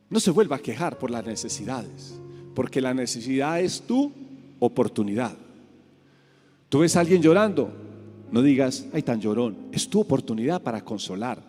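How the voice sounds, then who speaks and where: Preacher guy, swings soft to loud and repeats words, big echoey church, faint music behind. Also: mid-range voice, big pitch swings, moderate pace, pauses often. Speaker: pastor. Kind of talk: sermon. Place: church sanctuary. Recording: church hall reverb with soft instrument behind.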